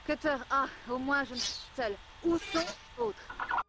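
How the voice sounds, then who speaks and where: A lost woman soldier in a game, frightened and urgent. Her high voice comes over a radio with the signal fading in and out, buried in loud static. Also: expressive, a little slow. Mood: anxious, searching. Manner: urgent, broken-up calls for help, signal fading in and out. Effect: radio transmission with signal fading in. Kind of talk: video game voice acting. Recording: heavy static noise, radio transmission.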